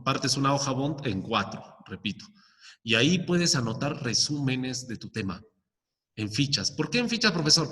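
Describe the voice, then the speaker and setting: A man's voice: mid-range voice, a bit bright, long reverb tail. A male teacher giving a recorded lesson, explaining step by step and often checking with the class. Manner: explains with many rhetorical questions and "¿ya?" checks.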